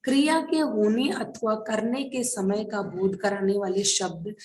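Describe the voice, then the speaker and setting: A woman's voice: medium pitch, fairly even intonation, measured pace, a little mellow. Hindi teacher woman asking and answering herself. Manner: asks questions and answers them herself. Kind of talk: online class lesson. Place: room, online class. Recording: echoey room with faint noise.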